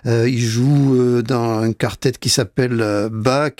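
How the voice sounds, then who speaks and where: A man's voice: mid-range voice, steady tone, a little slow, a little mellow, no echo, clean studio sound. A man presenting jazz albums on a radio show in a casual, hesitant way, with many fillers and restarts. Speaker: radio music columnist. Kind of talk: casual radio music chat.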